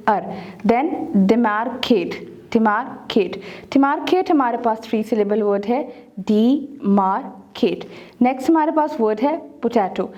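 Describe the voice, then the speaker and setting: A woman teaches a language lesson in a slow, careful voice, breaking each word into its syllables. Her voice sits a little high and comes through a slightly muffled recording. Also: dark tone. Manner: slow, deliberate, sounds out syllables one by one. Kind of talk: video lesson narration.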